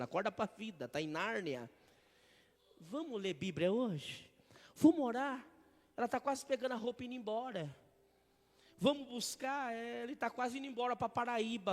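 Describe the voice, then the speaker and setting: A Brazilian man preaching a fiery sermon, jumping between loud shouts and hushed, joking asides. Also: high-pitched. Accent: Brazilian Portuguese. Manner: swings from shouting to hushed asides, jokey impressions. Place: church hall. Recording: large church hall reverb.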